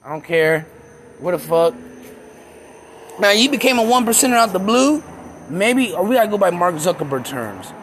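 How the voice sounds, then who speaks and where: A man's voice: high-pitched, very animated, moderate pace, long pauses, fairly bright tone, slight background noise. A young man talking in a heated, profane, rambling rant as a self-described conspiracy theorist. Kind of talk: casual rant.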